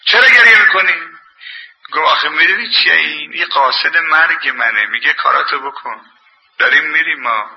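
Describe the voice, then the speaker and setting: A man's voice: on the high side, fairly even intonation, gravelly, muffled recording. A man preaching a sermon in an impassioned, colloquial scolding manner, telling anecdotes.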